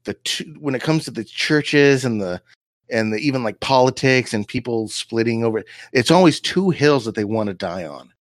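A man's voice: mid-range voice, lively intonation, normal speed, no echo, studio quality. A man co-hosting a podcast, ranting heatedly in casual banter and laughing often. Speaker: podcast co-host.

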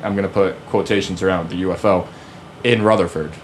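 A man's voice: low-pitched, fairly even intonation, fast talker, slight background noise. A man hosting a podcast in casual, slangy chat with casual swearing. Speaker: podcast host.

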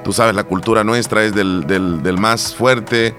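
A man co-hosting a casual talk show, telling a story with lively quoted lines and frequent restarts. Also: lowish voice, unhurried, faint music behind. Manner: animated storytelling, acts out quotes, many restarts. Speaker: co-host. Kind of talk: casual chat.

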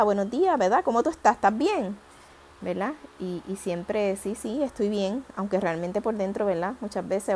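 A woman hosts a reflective audio monologue, gently explaining ideas and thinking aloud as she goes. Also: mid-range voice, a little hiss or hum. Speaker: podcast host.

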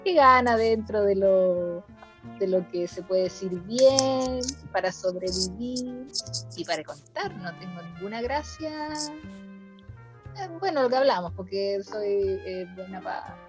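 A woman's voice: medium pitch, a little slow, music in the background. A woman with a Chilean accent, a guest in a casual chat, talking frankly and mocking herself, often laughing. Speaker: guest comedian. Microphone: video call. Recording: dull lo-fi video call audio.

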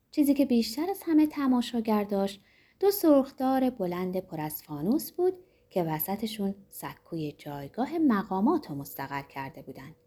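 A woman narrating a novel aloud with expressive storytelling. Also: a little high.

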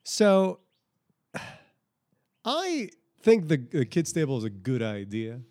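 A man in his thirties, chatting casually on a podcast, animated and rambling with many restarts. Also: on the high side, takes it slowly, no room sound, clean studio sound. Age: 30s. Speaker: podcast co-host. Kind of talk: casual chat.

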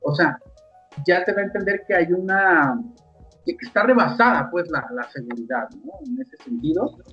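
A man's voice: sits high, animated, normal speed, muffled recording, soft background music. A man with a Mexican accent hosts a casual sports talk show, speaking conversationally with many fillers and asides. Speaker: podcast host.

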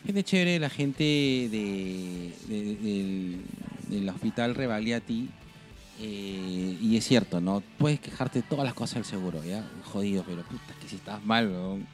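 A man's voice: fairly low pitch, animated, unhurried, soft background music. A man with a Peruvian accent chatting casually as a podcast co-host, swearing often and laughing through his stories. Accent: Peruvian Spanish. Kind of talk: casual chat.

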